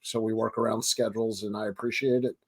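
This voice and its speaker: A man in his thirties with a Baltimore accent hosts a casual interview over a webcam video call from his home office with framed pictures, joking and chatting while occasionally stumbling over his words. His voice is lowish, slightly rough and fast, with little pitch movement, and the recording sounds rough.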